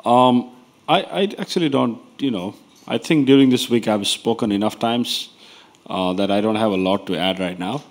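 A man chairing a conference members meeting from a panel table, speaking in an unhurried, informal way. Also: lowish voice.

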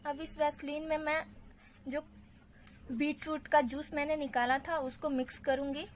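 High-voiced woman doing DIY voice-over. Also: little pitch movement, measured pace, a little hiss or hum. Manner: chatty, repeats "so guys". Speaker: beauty channel host.

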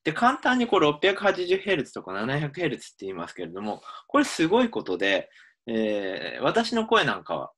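A man's voice: fairly high pitch, wildly swooping pitch, moderate pace, fairly bright tone. A man, a university linguistics lecturer, explaining in a recorded lecture with frequent um fillers.

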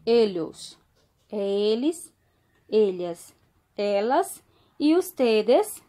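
A woman's voice: mid-range voice, sing-song, warm tone. A woman teacher with a Brazilian Portuguese accent, giving a recorded school lesson and explaining each point patiently, with repetition. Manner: explains slowly, repeats words, reads example sentences. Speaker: Spanish teacher.

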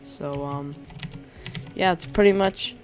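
Soft music sits behind a young Minecraft YouTuber whose slightly high voice moves slowly. Sore-throated, he rambles through a casual showcase of a resource pack, hesitant and full of ums and restarts.

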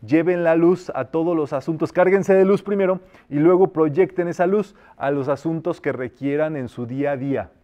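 Male metaphysics teacher, fairly high pitch; colloquial and exhorting, intones group decrees slowly. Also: muffled recording. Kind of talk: spiritual class leading group decrees.

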